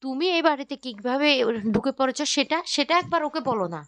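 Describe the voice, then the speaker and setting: A woman's voice: sits high, lively intonation, a little fast, fairly bright tone, no room sound, pitched above the performer's own voice. A woman voicing a young woman of the household who challenges others pointedly. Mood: challenging.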